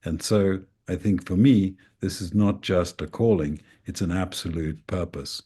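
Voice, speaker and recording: A man with a very low voice introduces himself as a panelist at an event. He speaks earnestly and puts emphasis on his points. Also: steady tone, measured pace, mellow, slightly rough. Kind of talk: speech at an event.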